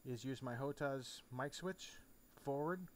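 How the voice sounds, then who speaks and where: Speaking slowly in a medium pitch, a man gives an informal, instructional walkthrough of a flight simulator, step by step. The recording carries clear, steady background noise, and the game sound is off.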